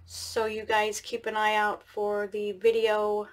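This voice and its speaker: This giveaway announcement comes in a mid-range voice that is completely flat and slow, even though the art channel host's manner is chatty and informal. She speaks straight to viewers as "you guys" while an overhead camera shows her craft table indoors.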